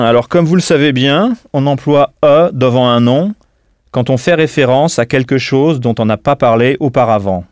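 A man's voice: medium pitch, no room sound, clean studio sound. Patient man teaching a language lesson. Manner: clear, patient explaining with pauses for answers. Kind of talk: scripted audio language lesson.

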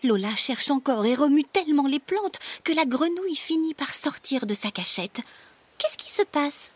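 A woman reading a children's story aloud in a slow, expressive way, often dropping to a whisper. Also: high voice, no room sound.

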